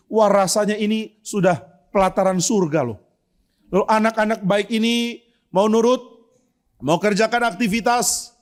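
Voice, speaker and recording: Guy pastor giving a sermon in church, kinda high voice, storytelling, jokes here and there. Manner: lively storytelling with humorous asides; acts out quoted voices with sudden pitch jumps. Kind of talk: expository sermon. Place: church sanctuary.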